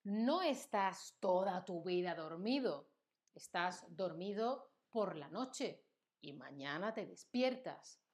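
A young Spanish woman teaching her language on a live stream, speaking slowly and deliberately. She acts out everyday examples with lively exaggeration. She keeps checking in with her viewers as she explains. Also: lowish voice. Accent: Spanish from Spain. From Spain.

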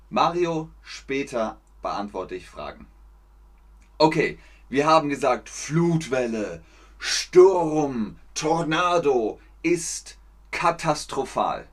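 A man teaching a language lesson, speaking at a very slow, deliberate pace. His pitch moves in a lively way as he repeats words for his learners. He plays out little example scenes to make each point clear. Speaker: German teacher.

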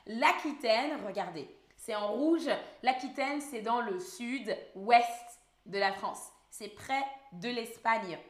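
A woman's voice: on the high side, slow pace, reverberant. A woman teaching French in a live online lesson, patiently repeating words and questions for her viewers.

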